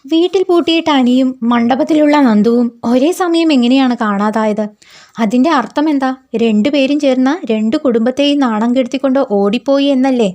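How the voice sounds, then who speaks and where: A woman's voice: sits high, fairly quick, dark tone, close to an everyday voice. A woman reading out the taunts of a scheming older woman in a serial recap. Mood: taunting.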